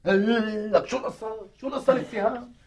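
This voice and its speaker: A man's voice: high-pitched, steady tone, brisk, darkish tone. An actor with a Syrian Arabic accent playing a harried husband who coaxes and sweet-talks his quarreling wives. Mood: coaxing. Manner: coaxing, exasperated, sweet-talking. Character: harried husband caught between two wives. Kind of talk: TV comedy acting.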